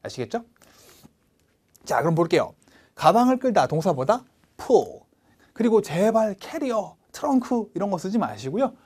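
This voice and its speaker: Man, online test-prep teacher, bouncy animated pitch, repeat-after-me drills. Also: moderate pace, pauses often, slightly rough. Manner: energetic, drills students with call-and-repeat pronunciation. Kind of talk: online lecture.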